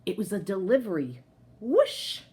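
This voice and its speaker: At a medium pitch and a slightly slow pace, a woman shares a picture book with children, narrating expressively the way a teacher would and chatting kindly to the little ones along the way.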